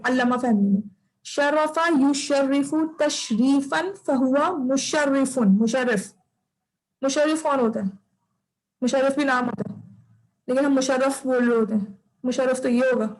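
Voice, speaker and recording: A woman teaches Arabic grammar to an online class in a high, clear voice. She goes over each term slowly and checks that her students follow. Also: rough recording. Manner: patient, repeats terms and checks understanding.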